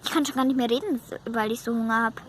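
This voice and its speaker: A woman's voice: fairly high pitch, steady tone, fast, slight background noise, natural voice. A woman voicing a sulky, homesick young horse who complains about hunger. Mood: complaining.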